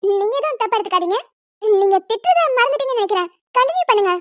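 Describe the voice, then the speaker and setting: Doing animated cartoon voice acting, a woman voices a cheeky young woman in a superhero costume who is coaxing, playful and unbothered. Her delivery is very high-pitched, animated and rapid-fire, in a dry, muffled recording.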